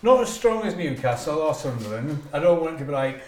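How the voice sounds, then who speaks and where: A man's voice: fairly high pitch, sing-song, a little fast, roomy sound, a little hiss or hum. A man with a Teesside accent chatting casually as a podcast co-host, jokey and teasing. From Teesside, north-east England. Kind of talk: casual chat.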